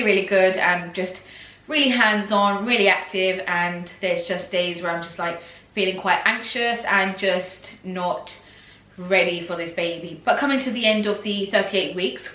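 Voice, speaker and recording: A young woman talks casually to her viewers in a pregnancy vlog, rambling along with fillers and little laughs. Her voice is bright and clear. The room around her sounds echoey and bare. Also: mid-range voice. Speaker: pregnancy vlogger. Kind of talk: casual vlog chat to camera.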